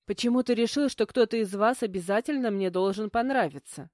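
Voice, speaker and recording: A woman's voice: medium pitch, a little fast, a little mellow, no room sound, studio quality, pitched above the performer's own voice, close to an everyday voice. A woman voicing a stubborn young female student who snaps back indignantly in an audiobook. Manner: snappish, indignant.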